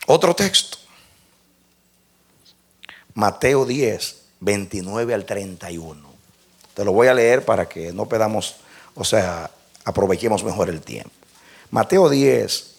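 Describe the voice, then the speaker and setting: Male preacher, husky and gravelly, big pitch swings, animated sermon delivery. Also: moderate pace. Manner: animated, swinging between loud exclamations and hushed asides; acts out conversations with God.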